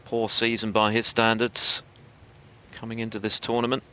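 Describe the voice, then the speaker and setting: A man giving live snooker commentary in a measured, analytical manner. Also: lowish voice, completely flat delivery, pushed and bright.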